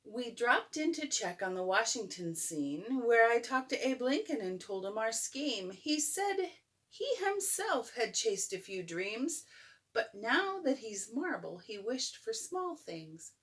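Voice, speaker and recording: An older woman, a grandmother, reading a bedtime story aloud in an expressive, playful way, as if to a child. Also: a little high, takes it slowly. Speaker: grandmother reading a picture book. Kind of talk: bedtime story read-aloud with chatty asides.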